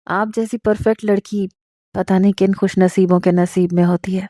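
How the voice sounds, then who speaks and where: A woman reading a smooth-talking young charmer. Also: medium pitch, dry recording, studio quality, close to an everyday voice. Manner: flattering, persuasive. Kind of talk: storybook narration.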